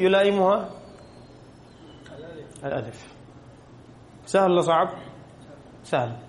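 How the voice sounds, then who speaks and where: A man's voice: fairly high pitch, echoey room, slight background noise. A male teacher giving a classroom grammar lesson, putting questions to his students and repeating the key rules.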